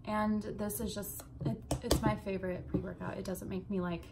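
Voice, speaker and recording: In a creaky, medium-pitched voice with little pitch movement, a young adult woman talks to camera at a normal speed from her bedroom. She's an informal, sweary vlogger full of rambling asides, and the recording is very noisy.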